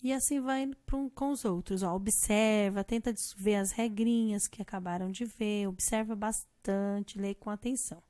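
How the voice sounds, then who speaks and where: A woman's voice: mid-range voice, steady tone, moderate pace, few pauses, mellow, no room sound. A woman teacher with a Brazilian Portuguese accent, patiently explaining an English grammar lesson and spelling letters out one by one.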